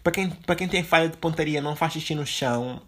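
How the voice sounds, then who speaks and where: Young male podcast host, European Portuguese accent, rambling slangy chatter, a bit high-voiced, quick. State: dizzy and low on energy after waking up. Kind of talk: casual solo podcast monologue.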